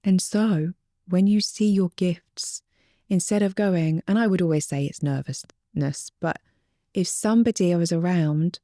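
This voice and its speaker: A woman relationship coach talking as an interview guest, earnest and teaching, sometimes dropping to a soft, whispery emphasis. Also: on the low side, a little slow, dry recording, clean studio sound.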